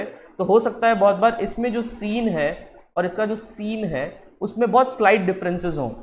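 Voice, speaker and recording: A man teaching vocabulary, drawing words out slowly as he explains. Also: high voice, a little hiss or hum. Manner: explains with slow drawn-out English words. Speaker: English teacher. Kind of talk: spoken English lesson.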